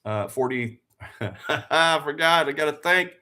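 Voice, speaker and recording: In his forties, a man hosts a live trading stream, mixing motivational talk with trading commentary. His voice is a little high, expressive, bright and forceful, and he speaks slowly yet earnestly and fired up, repeating phrases for emphasis and throwing rhetorical questions at viewers.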